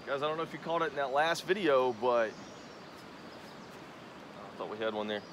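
With lively intonation and a mid-range voice, a young fishing channel host chats casually and explains his casting from the riverbank. The outdoor recording comes from a tripod camera at a distance, and the rushing river leaves the background noisy.

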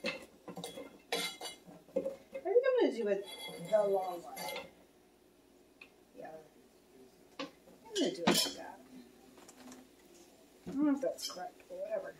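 A woman's voice: mid-range voice, huge pitch swings, a little slow, pauses often, noisy background. A woman chatting casually to viewers and to herself as she cooks at home, reading the recipe steps aloud. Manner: chatty, talks to herself and viewers while cooking. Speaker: home cook reviewing a meal kit. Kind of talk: casual cooking vlog chat. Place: home kitchen.

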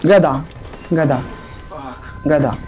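A man's voice: fairly high pitch, slow, over music. A man with an Egyptian Arabic accent who hosts a horror game let's play; he talks in a jumpy, panicky way, crying out in repeated bursts, then cracks jokes. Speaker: gaming channel host.

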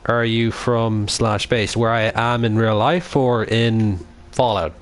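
Slow and lowish, with fairly even intonation, a young man from Dublin, Ireland, gives casual live commentary as he plays on stream. He wanders from topic to topic, curses frequently, and reads chat aloud to reply to it.

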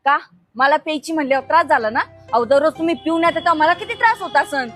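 Brief: woman as exasperated wife scolding her drunk husband, high voice, music bed. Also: quick pace, a bit bright, no room sound. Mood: defiant. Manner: scolding, pleading tone. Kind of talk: comic skit acting. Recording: background music.

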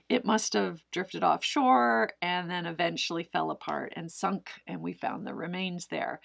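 A middle-aged woman tells a diving story straight to the camera, animated and chatty, with plenty of fillers. Her voice carries heavy fry and a gravelly edge. She sits close to the mic in an indoor room. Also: medium pitch. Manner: animated, gestures with both hands, frequent fillers. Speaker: cave diver answering viewer questions. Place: indoors in front of a brick wall.

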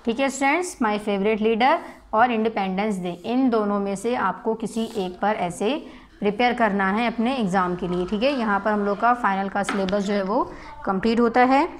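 A woman schoolteacher giving a grammar lesson, slowly dictating Hindi sentences and their translations. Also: mid-range voice, slight background noise. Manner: slow, dictating word by word; mixes Hindi and English, repeats "ठीक है". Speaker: school English teacher. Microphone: recorded lesson video.

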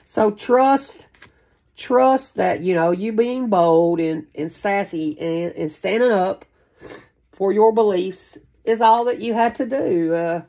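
Her voice is medium-pitched, mellow and slow. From a card table in a small room, a woman who runs a spiritual channel rambles through an improvised tarot reading, folksy and repetitive, cursing here and there.

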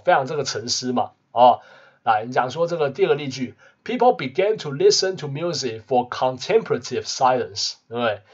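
A man teaching English vocabulary in a casual lesson, constantly adding quick tag questions. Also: medium pitch, slightly rough. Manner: peppers talk with tag questions. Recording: muffled lo-fi recording.

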